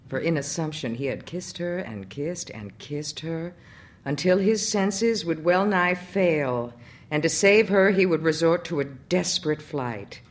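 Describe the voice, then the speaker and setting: Low-voiced woman reading a story. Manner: measured, expressive reading. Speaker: narrator.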